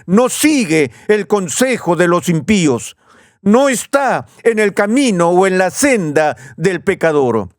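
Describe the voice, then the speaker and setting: A man preaching a sermon in a measured teaching tone, slowing down to stress key phrases. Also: sits high, very animated, dry recording, studio quality.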